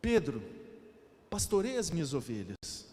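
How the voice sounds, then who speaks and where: A man voicing Jesus as a grave, gentle man asking questions, in a lowered, slow, earnest tone. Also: big pitch swings. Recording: reverberant church hall.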